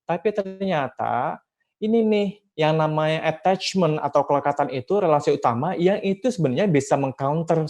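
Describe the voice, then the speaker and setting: A man with an Indonesian accent and a slightly high voice gives a seminar talk to parents and teachers. He speaks with energy, keeps asking himself questions and then answering them, and now and then acts out little snatches of dialogue. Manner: lively, emphatic, with rhetorical questions and acted-out quotes.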